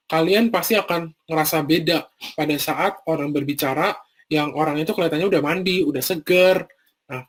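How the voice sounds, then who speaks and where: Casual young man leading a training talk. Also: a little high. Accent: Indonesian, Bandung. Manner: casual, explains step by step with many fillers. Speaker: youth trainer.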